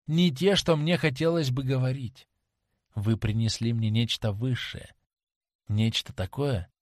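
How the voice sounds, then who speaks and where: A man voicing a young woman stage actress, lovesick and imploring, tender and dreamy, slowing on heartfelt words in an audiobook reading. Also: medium pitch, no echo, studio quality, lightly acted.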